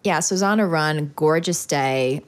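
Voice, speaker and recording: A woman's voice: low voice, moderate pace. A woman co-hosting a casual advice podcast, telling stories with lots of laughter and acted-out reactions. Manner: animated storytelling, laughs often, mimics herself. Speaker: podcast co-host. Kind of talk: casual chat.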